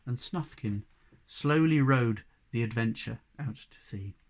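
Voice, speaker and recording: A man, a primary school teacher, reading a children's storybook aloud in an expressive way. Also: mid-range voice, measured pace.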